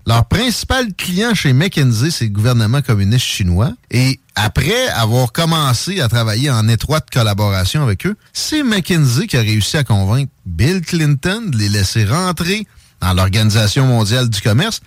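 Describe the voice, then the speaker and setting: A man's voice: mid-range voice, very animated, moderate pace, no echo, clean studio sound. A man giving indignant opinion commentary on radio. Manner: indignant, emphatic.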